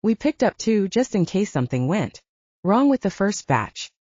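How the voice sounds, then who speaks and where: A woman's voice: medium pitch, big pitch swings, moderate pace, a little mellow, dry recording. A woman voicing a confident male hero who speaks in a teasing, self-assured way. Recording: dull lo-fi.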